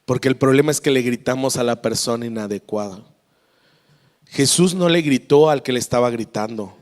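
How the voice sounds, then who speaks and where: A Mexican man preaching a lively, story-filled sermon as pastor, with a Mexican Spanish accent, in a church. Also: medium pitch, normal speed, in a large hall. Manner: lively, storytelling, acts out voices.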